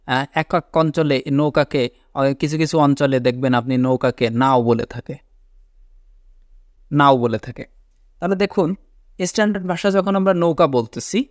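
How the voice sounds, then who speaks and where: A man delivers a patient classroom lecture, his voice a touch higher than most men's. He repeats key words, poses questions and answers them himself, and checks often that his listeners follow. The recording is dry, with no room sound. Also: no echo. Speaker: teacher.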